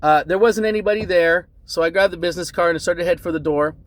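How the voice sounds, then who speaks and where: A man calmly recounting a bad encounter as a customer, earnest and measured, often adding "right?" and "um". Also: high voice. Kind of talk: casual spoken account to camera.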